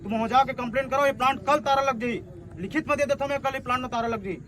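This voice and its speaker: Outdoors, an activist coordinator with a Chhattisgarhi accent delivers a forceful protest speech in a very high voice, racing along. He asks rhetorical questions and repeats his points, with crowd noise around him.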